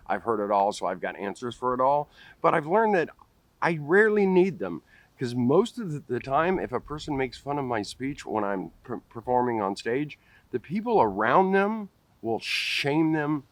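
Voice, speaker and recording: This vlogger, a man in his forties, gives a direct-to-camera talk in a park while the camera stays close at face level. His mid-range voice comes through with no room sound, and he stutters, repeating opening sounds and restarting words.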